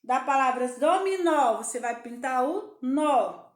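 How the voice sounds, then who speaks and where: A young Brazilian woman teaching small children with a high, sing-song voice. She coaxes them along, asks questions and answers them herself. The sound is roomy and echoey, like a bare classroom. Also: animated, a little slow. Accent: Brazilian Portuguese. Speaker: primary school teacher.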